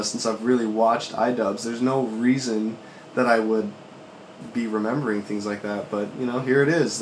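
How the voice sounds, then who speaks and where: A low-voiced man records a casual dream-journal vlog, his voice worn out from a recent illness. He recounts his dreams in a rambling, reflective way with some swearing. The room gives his voice a clear echo, with faint noise underneath. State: voice worn out from recovering from sickness. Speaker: vlogger.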